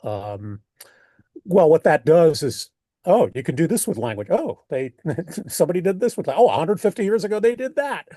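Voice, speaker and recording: Older male interviewee, American accent, mellow tone, dry close sound, thoughtful and halting delivery. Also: a little high, very animated, no room sound. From United States. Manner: halting, thoughtful, rephrases mid-sentence. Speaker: poet being interviewed. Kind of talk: reflective interview talk.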